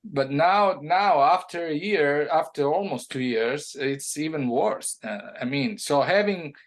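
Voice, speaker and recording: A man with a noticeable Italian accent and a fairly high speaking voice talks as a guest in a relaxed interview. He stops and restarts often, then rushes forward in animated bursts. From Italy. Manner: halting, many restarts and fillers, animated bursts. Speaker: music producer guest. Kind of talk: casual interview.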